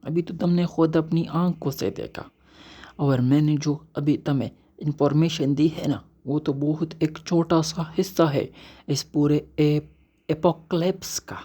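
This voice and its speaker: A man's voice: fairly high pitch, fairly even intonation, measured pace, dark tone. A man voicing a chatty, mocking male ring spirit in a story recap, teasing the hero and calling him child. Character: talking magic ring spirit, male, mocking know-it-all.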